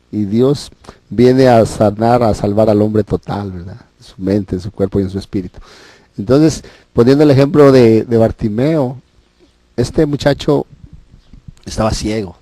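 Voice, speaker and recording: Male faith TV guest, gravelly mellow voice, storytelling preacher. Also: medium pitch, no echo. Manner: storytelling, retells scripture dramatically with quoted voices. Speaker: religious TV guest. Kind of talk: preaching on a Bible passage.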